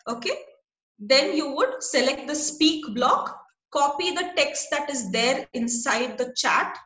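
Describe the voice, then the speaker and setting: Bright, high-voiced woman teaching online. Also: lively intonation, slow pace, roomy sound. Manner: patient, checks in often with the class. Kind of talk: online class instruction. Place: online class over a video call.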